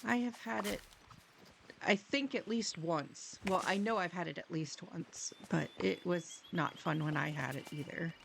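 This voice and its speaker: Female game streamer, friendly and flustered, casual unhurried chat, some vocal fry, close and slightly muffled dry mic. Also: lowish voice, background noise. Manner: friendly, apologetic, flustered rambling. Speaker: live game streamer, host. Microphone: microphone a few inches away.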